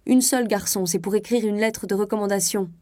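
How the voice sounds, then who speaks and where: A woman reading a story aloud, voicing a pompous, self-important male state official who talks loudly and eagerly. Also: medium pitch, fairly even intonation, fairly quick, dry recording, close to an everyday voice. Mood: boastful. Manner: boastful, bossy, loud and eager.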